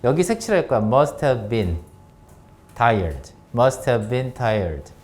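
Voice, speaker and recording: A man teaching an English grammar lesson to students, often checking whether they follow and reading example sentences out slowly. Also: mid-range voice, sing-song, a little mellow.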